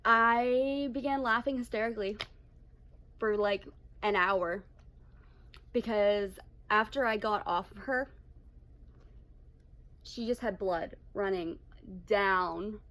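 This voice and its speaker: Slow-talking, foul-mouthed young woman vlogger. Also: mid-range voice. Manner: blunt, heavy swearing, animated. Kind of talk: story time vlog.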